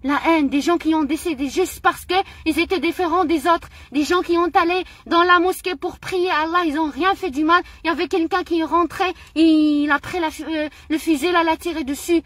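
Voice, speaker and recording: A woman's voice: extremely high pitch, fairly even intonation, a little fast, hardly any pauses, fairly bright tone, no room sound. A middle-aged woman from Morocco, speaking in an impassioned personal monologue, indignant and emotional, often repeating her phrases. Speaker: vlogger.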